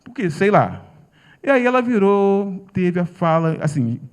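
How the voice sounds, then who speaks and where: A Brazilian man on a seminar panel tells a personal story with lots of feeling. His voice sits high and swings widely as he acts out the voices of the people in it. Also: a little slow. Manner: emotional, animated storytelling with acted-out dialogue. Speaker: public defender panelist.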